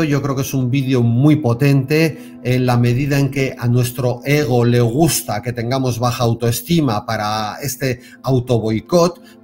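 A man with a Spain Spanish accent gives a spiritual self-help talk to camera, lively and repetitive, often checking in with his listeners. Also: mid-range voice. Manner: animated, repeats words and stresses with tag questions. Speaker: self-help video host.

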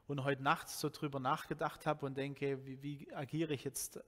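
A man's voice: medium pitch, normal speed. A man in his forties from Swabia with a Swabian German accent, preaching a sermon in a loose, conversational way, often restarting his sentences, speaking into a headset mic in a church hall. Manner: conversational, animated, with many restarts and fillers. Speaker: pastor.

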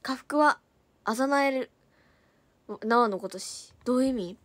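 With a high-pitched voice and no echo in the audio, this quick-talking young idol reads and thanks viewer comments during a casual livestream chat. Here and there her speech drifts into Hiroshima dialect.

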